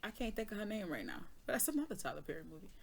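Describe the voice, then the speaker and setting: Racing along in a sing-song, mid-range voice, this tarot reader, an adult woman with kids, keeps her casual session candid. Jokes, frequent laughter and the occasional mild curse run through it.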